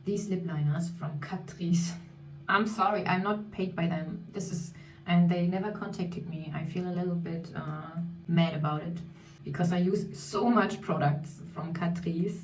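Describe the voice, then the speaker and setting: An unhurried, steady-toned woman with a voice on the low side, she's a beauty vlogger in her thirties chatting candidly as she does her makeup. She speaks English as a second language and sometimes pauses to find words, in an echoey room picked up by a far-off mic with faint music.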